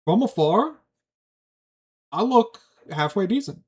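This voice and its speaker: A young man from Long Island, New York accent and all, casually streams and answers his chat in a rambling, slang-heavy, animated manner. His voice is high-pitched and slightly rough, and he speaks slowly.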